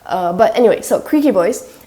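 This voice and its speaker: A woman's voice: mid-range voice, expressive, brisk, mellow. A woman casually explaining pronunciation sounds and tones, demonstrating them aloud in a tentative, chatty way. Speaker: language-learning video creator.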